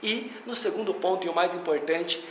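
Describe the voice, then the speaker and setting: A man's voice: high voice, brisk, fairly bright tone, reverberant, slight background noise. A man with a Brazilian Portuguese accent giving a casual video lesson as an English teacher, chatty and talking straight to the viewer. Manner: chatty, addresses viewer directly.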